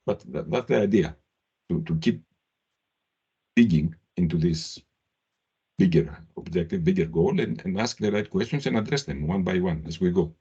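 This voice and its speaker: A man chairing a business meeting over a video call, giving an update in halting sentences that restart often. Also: low-pitched, lively intonation, warm tone, husky. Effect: heard over a video call. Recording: slightly muffled video call audio.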